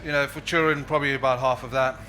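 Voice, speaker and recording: South African man with a whistling s, bright voice. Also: medium pitch, steady tone, fast talker. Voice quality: whistling s from a false tooth. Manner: informal, chatty with the audience. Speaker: chef giving a cooking demonstration. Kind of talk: live cookery demonstration with casual chat. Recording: live event with clear background noise.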